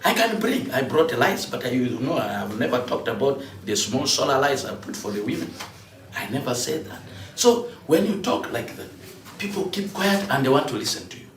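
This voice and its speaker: A man, a candidate speaking at a meeting and turning animated when he stresses a point. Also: a little fast, slight background noise. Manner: animated, rising to a higher, louder pitch when emphatic. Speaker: parliamentary candidate addressing a security committee. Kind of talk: spontaneous address at a meeting. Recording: echoey room from far off, faint ambience.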